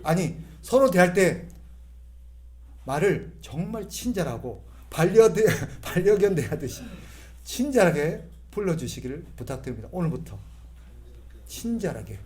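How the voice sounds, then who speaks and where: A man's voice: fairly high pitch, big pitch swings, normal speed, darkish tone. A middle-aged male pastor giving a humorous sermon, imitating voices and having the congregation repeat phrases after him.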